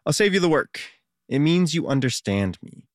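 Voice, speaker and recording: A man reporting a public radio news feature in a lively, conversational way, quizzing the listener. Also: a little high, normal speed, no echo, clean studio sound.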